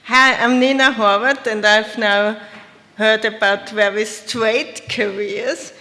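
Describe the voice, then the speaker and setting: Panelist: woman, bright voice, hesitant storytelling, reverberant hall. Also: a little high, steady tone, takes it slowly. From Austria. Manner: hesitant, self-correcting storytelling. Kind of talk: convention panel talk. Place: convention panel room. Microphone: shared handheld mic.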